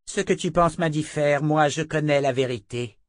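A man's voice: fairly high pitch, moderate pace, no room sound, clean studio sound, voice pushed up, lightly acted. Man voicing a scornful old seer woman. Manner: cold, cutting, imperious. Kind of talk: audiobook character voice.

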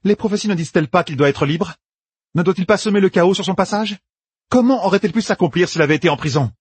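A composed young woman prisoner, played by a male narrator, pressing her questions in a lifted, husky voice. Her tone stays cool and cutting. The recording is dry and close. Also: high-pitched, fast, no room sound, voice pushed up. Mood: defiant. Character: calm defiant young woman captive, sharp-tongued.

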